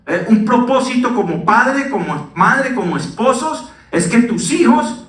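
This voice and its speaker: A middle-aged man preaching a sermon as pastor, animated and swinging down to a hush. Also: very high-pitched, unhurried, distant mic. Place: church. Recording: echoey church hall, voice from the mic.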